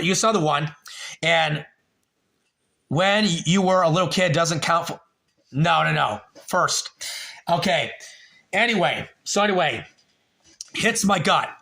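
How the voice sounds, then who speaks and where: A man's voice: high-pitched, bright, forceful tone. A man in his late thirties hosting a livestream, telling a rambling, profane story and talking to chat viewers by name. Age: 30s. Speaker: livestream host.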